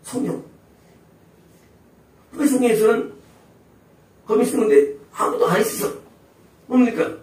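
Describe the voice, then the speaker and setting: A man's voice: very high-pitched, measured pace, long pauses, darkish tone. A male pastor preaching a sermon emphatically, constantly asking the congregation rhetorical questions. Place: church sanctuary. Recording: echoey hall, voice from far off.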